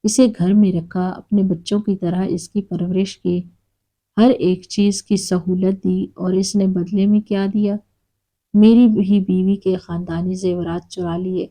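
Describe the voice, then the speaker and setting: A woman's voice: on the low side, little pitch movement, warm tone, close to an everyday voice. A woman reading a stern, furious uncle. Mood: angry. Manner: harsh, accusing. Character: stern angry middle-aged uncle.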